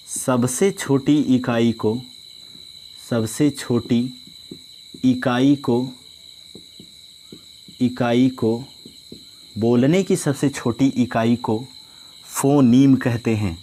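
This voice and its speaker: A male teacher giving a grammar lesson, dictating definitions slowly and often asking if students follow. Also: medium pitch, dark tone, a little hiss or hum. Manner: slow, repetitive dictation with frequent "ठीक है ना?" check-ins.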